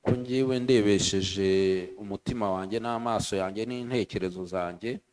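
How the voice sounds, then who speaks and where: A man from Rwanda giving an earnest church testimony, speaking in short phrases and pausing so an interpreter can follow. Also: lowish voice, darkish tone. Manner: earnest, pauses for interpreter after each phrase.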